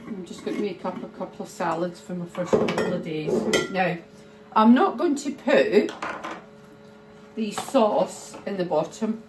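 A middle-aged woman, chatting slowly and thinking aloud as she preps food in her home kitchen. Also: fairly low pitch. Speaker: cooking vlogger. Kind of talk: casual cooking chat. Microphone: phone camera held nearby. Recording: noisy home kitchen ambience.

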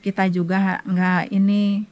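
A woman's voice: mid-range voice, little pitch movement, slow pace, darkish tone. A woman earnestly telling a story in a casual interview outdoors. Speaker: local resident, interviewee.

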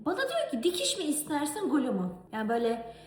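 A young woman from Turkey telling a story in a casual cooking vlog, animated and exasperated. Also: high voice, fast, roomy sound. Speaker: vlogger. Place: home kitchen.

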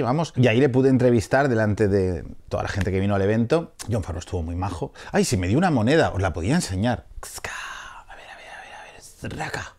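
A man's voice: lowish voice, darkish tone. Chatty, jokey Spanish male film critic. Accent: Peninsular Spanish. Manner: chatty, jokey, rambling asides. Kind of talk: casual video review.

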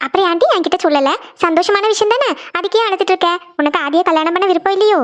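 A woman's voice: very high-pitched, racing. A woman voicing a caring young woman who coaxes her crying friend with repeated questions in a cartoon. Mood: coaxing. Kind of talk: cartoon voice acting.

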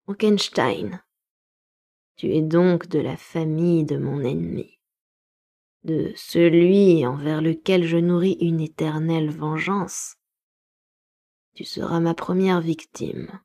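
A woman voicing a lonely, vengeful male creature in measured, menacing tones in a storybook reading. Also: low-pitched, creaky, mellow, full character voice.

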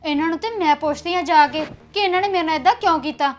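A young actress playing a headstrong new bride who speaks bluntly and defiantly. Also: female voice, very high-pitched, fast, faint music behind. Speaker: actor. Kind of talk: web series drama acting.

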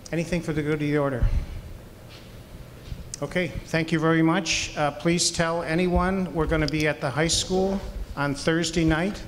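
A man's voice: on the high side, slight background noise. A man chairing a public meeting, courteously thanking speakers and wrapping up. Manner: courteous, wraps things up. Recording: long hall reverb.

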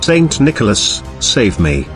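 A man's voice: mid-range voice, very animated, slow pace, fairly bright tone, faint music behind. A man voicing a surly, pleading male peasant coachman in archaic, whining speech.

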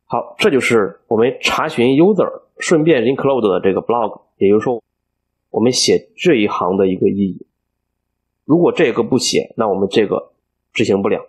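Man, low voice, husky, coding tutorial, step-by-step explaining, thinking aloud. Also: animated, moderate pace. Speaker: programming instructor. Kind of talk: screen-recorded coding tutorial.

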